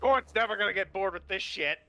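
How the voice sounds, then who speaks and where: A man's voice: high-pitched, brisk, bright, forceful tone. A man co-hosting a casual podcast, teasing and joking drily. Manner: teasing, dry jokes. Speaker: podcast co-host. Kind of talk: casual chat.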